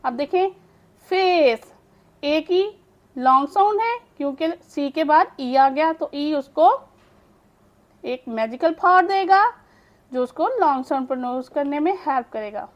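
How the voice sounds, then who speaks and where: A woman's voice: sits high, expressive, unhurried, lo-fi sound. A woman English teacher giving a phonics lesson, patiently explaining and repeating each word aloud for practice. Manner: patient explaining, mixes English words into speech.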